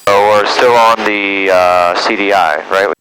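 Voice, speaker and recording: Casting: man, low voice, pilot-instructor coaching casually on headset intercom, clear cockpit drone behind. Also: steady tone, measured pace, noisy background. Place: small aircraft cockpit in flight. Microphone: aviation headset intercom.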